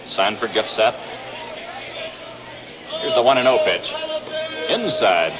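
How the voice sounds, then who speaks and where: Over loud music, an American man with a lowish, expressive voice calls a baseball game slowly, in 1960s radio broadcast style. It's an outdoor ballpark broadcast heard on a noisy 1962 vintage recording.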